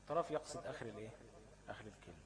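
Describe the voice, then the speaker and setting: A man's voice: lowish voice, lively intonation, racing, crowd noise, rough recording. A man with an Egyptian Arabic accent teaching recitation rules, who often checks understanding and turns key words into questions for his students. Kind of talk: tajweed lesson explanation.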